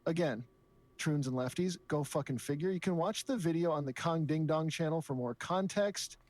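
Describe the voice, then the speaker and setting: A man's voice: a little high, normal speed, a little mellow, no echo. A man narrating an online video in a mocking, scornful tone.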